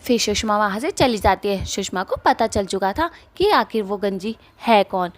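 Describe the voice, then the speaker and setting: A woman narrating a cartoon story in a plain, steady storytelling manner. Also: mid-range voice, moderate pace, no room sound.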